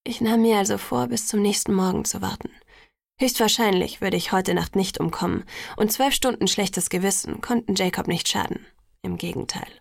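A woman narrating a novel in the first person in a measured audiobook reading, lightly lifting her voice for the characters. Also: medium pitch, vocal fry, no room sound, studio quality.

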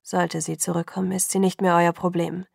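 A calm, protective young man, quiet and controlled with a gravelly grain, as a woman reads him in an audiobook. He speaks evenly and close to the mic in a dry space. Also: on the low side, fairly quick, no room sound.

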